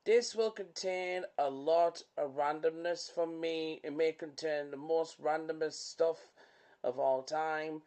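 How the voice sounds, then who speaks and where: A man hosting a casual podcast, talking in an excitable, rambling, slangy way with frequent restarts and fillers. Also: fairly high pitch. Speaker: podcast host.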